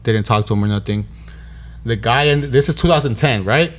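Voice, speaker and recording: A man in his thirties hosts a podcast, telling a story in casual slang and acting out the quoted dialogue. His medium-pitched voice is brisk and animated.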